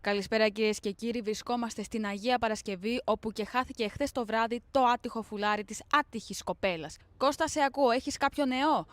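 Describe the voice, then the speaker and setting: A woman's voice: a little high, hardly any pauses, no echo, close to an everyday voice. A woman playing a solemn field reporter giving a live news update in a mock-serious way. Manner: mock-serious newsreader delivery.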